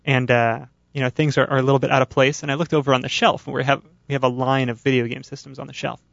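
A man's voice: medium pitch, little pitch movement, fast talker, gravelly, a bit bright, no echo, muffled recording. A man hosting a casual radio talk show, chatty and self-mocking as he tells a story in a studio. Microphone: studio microphone.

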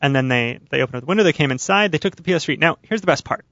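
A man's voice: on the high side, lively intonation, racing, a bit bright, no echo, highs cut off. Chatty man hosting a radio show. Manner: chatty, self-mocking storyteller. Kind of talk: casual radio chat. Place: radio studio. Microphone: studio microphone.

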